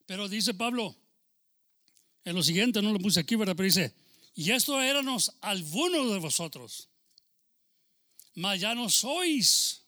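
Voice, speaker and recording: A man preaching a sermon, shifting between loud proclaiming and quiet, confiding testimony. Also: high voice, very animated, measured pace, pauses often. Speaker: pastor.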